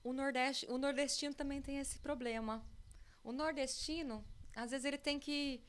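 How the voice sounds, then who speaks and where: This Brazilian woman in her forties, from inland São Paulo state, has a high voice and a moderate pace, with a São Paulo countryside accent. Chatting freely as a podcast guest on a farm, she's lively and keeps cutting herself off and restarting.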